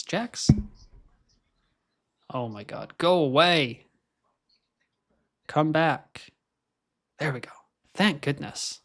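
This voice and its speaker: A fairly high, slightly bright male voice belongs to a young livestream host with an American accent who was born in Scotland. He chats casually on his stream while watching qualifying.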